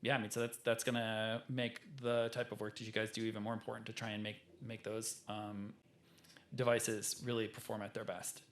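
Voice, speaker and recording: A man's voice: fairly low pitch, flat delivery, normal speed. A man hosting a podcast in casual chat, easygoing and joking. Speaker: podcast host. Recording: roomy podcast audio.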